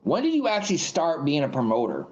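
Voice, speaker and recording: A man's voice: a little high, wildly swooping pitch, quick pace, highs cut off. A man in his thirties hosting a casual podcast interview, rambling and repeating himself. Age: 30s. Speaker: podcast host.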